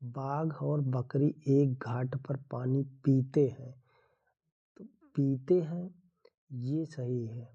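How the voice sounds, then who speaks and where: A man's voice: mid-range voice, steady tone, drawn-out words, mellow, husky, muffled recording. A man teaching a Hindi grammar lesson for an exam, going through the answers one by one in an explanatory way.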